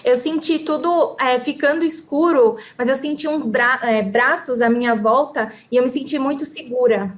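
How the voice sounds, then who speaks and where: A woman with a Brazilian Portuguese accent does consecutive interpreting of a talk, relaying it phrase by phrase. Her voice is high and she speaks fast, keeping up with the speaker.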